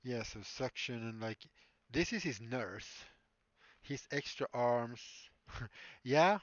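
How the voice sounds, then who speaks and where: Guy streaming from his prop workshop, thinking out loud with lots of likes, dry lo-fi sound. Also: mid-range voice, lively intonation, takes it slowly, dry recording. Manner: rambling and musing, many fillers. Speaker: prop maker livestreamer. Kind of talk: casual livestream chat while working. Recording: dull lo-fi stream audio, dry.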